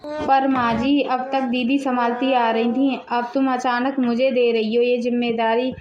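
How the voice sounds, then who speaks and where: A meek, dutiful young daughter-in-law, played by a woman in an animated family drama. She speaks in a high, polite, hesitant voice, always pleading gently. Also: measured pace, muffled recording, lightly acted.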